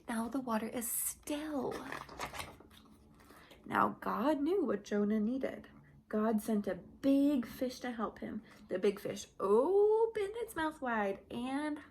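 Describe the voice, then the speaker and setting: A woman with a fairly high voice reads a Bible story to young children, using simple, repetitive phrases, asking them questions, and sometimes dropping to a hushed whisper. There's a slight hiss or hum in the audio.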